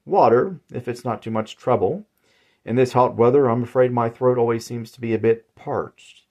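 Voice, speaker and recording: A man's voice: medium pitch, moderate pace, darkish tone, muffled recording, pitched above the performer's own voice, natural voice. A man voicing an old male umbrella salesman who is polite and sinister, with courtly, folksy, old-fashioned phrasing. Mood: silky.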